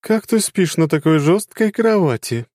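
A man voicing a playful, sly and powerful dark goddess in an audiobook. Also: on the high side, big pitch swings, moderate pace, no room sound, clean studio sound, voice pushed up. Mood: teasing. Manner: teasing and giggly, turning grave. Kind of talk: audiobook character voice.

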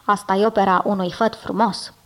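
A woman voicing an old male zmeu monster, a gruff fond uncle who talks in a folksy, drawling, scolding way, in an audiobook reading. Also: medium pitch, fairly even intonation, close to an everyday voice. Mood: wistful.

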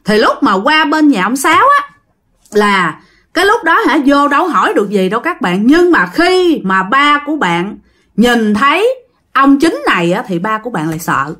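A woman's voice: fairly high pitch, sing-song, normal speed, pushed and bright. A woman with a Southern Vietnamese accent casually telling a ghost story, chatting directly to her listeners. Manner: chatty, addresses listeners directly, acts out quoted speech.

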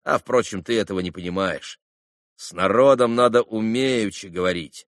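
A man's voice: on the low side, normal speed, no echo, clean studio sound, natural voice. A man voicing a cocky, clever schoolboy who teases and questions people sternly, in a storybook reading.

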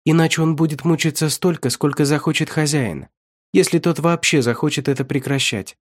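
A frightened young woman, voiced by a male narrator, stammers and chokes back tears in a raised voice. Her words come halting and shaken. Dry, close recording. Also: fairly high pitch, no echo, voice pushed up, natural voice. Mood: tearful. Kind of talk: audiobook reading.

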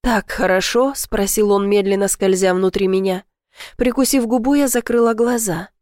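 Woman softly narrating a romance audiobook. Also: medium pitch, fairly even intonation, moderate pace, no echo, clean studio sound.

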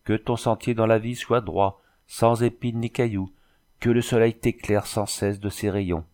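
A man reading the lines of a devoted young Native woman in a solemn, measured voice. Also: lowish voice, fairly even intonation, darkish tone, close to an everyday voice. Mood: fervent.

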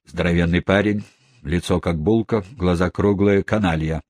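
A man's voice: low voice, fairly even intonation, moderate pace, darkish tone, no room sound, clean studio sound. A man voicing a bold, scheming male swindler who talks in clipped, choppy, melodramatic phrases. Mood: conspiratorial.

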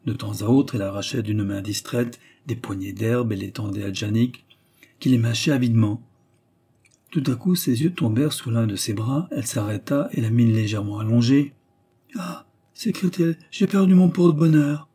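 A man narrating a literary novel as an audiobook in a measured, even storytelling manner. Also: lowish voice, husky.

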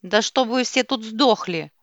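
A woman's voice: medium pitch, normal speed, fairly bright tone, no room sound, close to an everyday voice. A woman voicing a furious young mother who hurls insults at her husband, in a dull, dry lo-fi recording. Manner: screaming insults.

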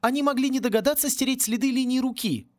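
A man's voice: extremely high pitch, fast talker, voice pushed up. A man reading an audiobook and voicing a haughty, grumbling woman who teaches palm-reading.

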